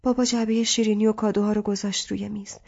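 A woman reads scripted literary narration in a calm, measured way. Her voice sits at an ordinary middle pitch. The recording sounds a little dull. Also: gravelly. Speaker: audiobook narrator.

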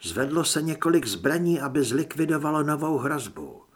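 A man's voice: fairly high pitch, very animated, breathy edge. A man narrating an audiobook in a dramatic first-person reading. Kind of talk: scripted narration.

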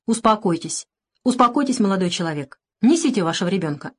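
A woman reading an audiobook, voicing a kind, calm old male professor of medicine who soothes a child. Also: medium pitch, quick pace, slightly rough. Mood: soothing. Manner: gentle, soothing.

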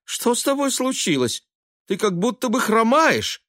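A man voicing an anxious middle-aged mother who talks in a shrill, fretful way. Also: very animated, unhurried, a bit bright, no room sound, clean studio sound, exaggerated voice. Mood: alarmed.

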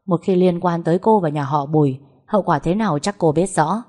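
A woman's voice: lowish voice, a little fast, warm tone, lightly acted. A woman voicing a firm police officer who warns in a formal, stern tone.

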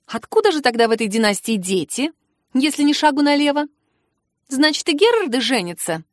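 A woman putting on a hot-tempered young noblewoman whose voice shoots up high and sharp. She is sister to the hero in this audiobook fantasy tale. The voice is close and dry, with no room around it. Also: expressive, moderate pace, no echo. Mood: suspicious. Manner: shrill, rising outbursts.

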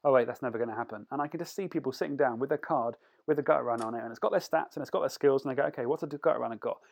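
A man's voice: mid-range voice, rapid-fire, creaky. A man co-hosting a podcast over an online call, ranting in an exasperated, casual way. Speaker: podcast co-host. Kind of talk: casual chat.

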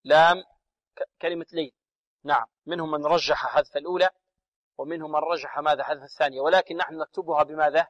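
A man teaching Quran recitation on a radio lesson. He chants verses slowly, then explains the rules, asking his students questions and answering them himself. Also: fairly high pitch, steady tone, a bit bright, dull audio.

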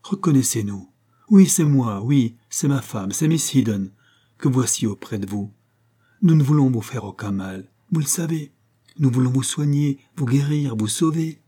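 A man voicing a calm, kind detective who speaks softly and soothingly in an audiobook. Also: mid-range voice, moderate pace, slightly rough. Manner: soft, soothing.

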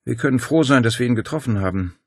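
A young policewoman speaks briskly and skeptically, with a dry wit, voiced by a man with his pitch raised. The voice is husky and lively. The sound is dry and close. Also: no echo. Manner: brisk, skeptical, matter-of-fact. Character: police officer, young woman, determined and dry-witted.

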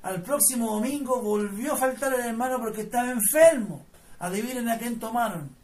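Fervent Chilean pastor, heard from afar. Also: male voice, very high voice, fairly quick, a little mellow, recorded from a distance. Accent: Chilean Spanish. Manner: fervent, folksy, addresses listeners as brother. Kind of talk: live sermon with personal testimony. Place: church service.

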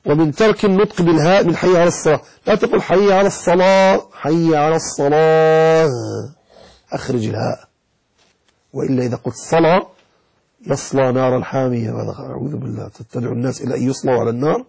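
Male sheikh, lecturing and scolding, husky and breathy, sings out prayer-call lines as examples. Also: medium pitch, rapid-fire, a little mellow, poor audio. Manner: chants the call to prayer to show right and wrong pronunciation. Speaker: sheikh teaching Islamic jurisprudence. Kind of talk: religious lesson explaining a text.

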